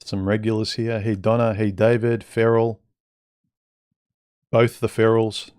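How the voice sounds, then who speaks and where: A man with a fairly low voice delivers an opinionated, off-the-cuff livestream monologue. His speech sounds slightly muffled and impeded, as though he is wearing a mouthguard. He is blunt and conversational, addressing his listeners directly. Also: little pitch movement, a little slow, darkish tone, clean tone. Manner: blunt, conversational, rhetorical questions. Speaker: livestream host giving dating advice. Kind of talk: casual opinionated monologue to live chat.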